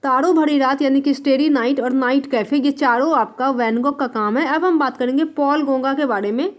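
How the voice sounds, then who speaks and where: A woman teaching art for exam prep, writing on a board and repeating terms slowly for students to note down. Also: sits high. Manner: writes on a board while dictating.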